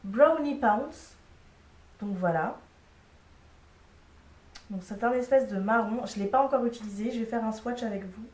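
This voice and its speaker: Fairly high and a little mellow, the young woman's voice moves at a moderate pace with long pauses, picked up from a distance. As a beauty vlogger, she chats frankly about makeup products, using many fillers, in an echoey space slightly off-mic.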